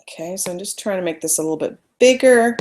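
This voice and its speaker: Fast and lively at mid-range pitch, a loud-voiced woman hosts a live photography webinar over a computer mic with a little hiss or hum. She keeps talking casually as her screen sharing acts up.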